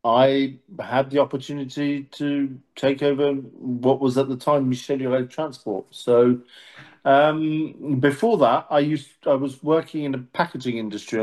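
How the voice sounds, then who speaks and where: A man's voice: medium pitch, a little mellow, rough recording. Middle-aged British-accented man, hesitant talker. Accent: British English. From born in Marseille, France, long settled in the UK. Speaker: managing director, interview guest. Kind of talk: casual interview talk.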